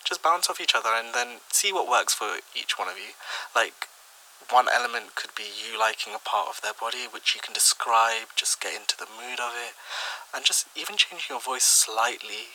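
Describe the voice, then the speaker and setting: Young male co-host, very bright sharp tone, easygoing advice-giver. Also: medium pitch, animated, moderate pace, low-quality recording. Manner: laid-back, giving advice. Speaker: podcast co-host. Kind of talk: casual chat.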